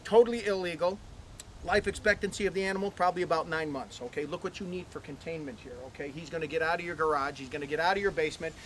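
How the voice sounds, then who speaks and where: A man gives visitors a tour of his animal ranch outdoors, rattling off chatty stories at a fast clip. His voice sits high for a man, and he keeps checking in with "okay?" as he talks. Faint outdoor noise hums behind him. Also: fairly bright tone. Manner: folksy, chatty, lots of "okay?" and "uh". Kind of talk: casual storytelling to visitors. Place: outdoors on a ranch near a barn.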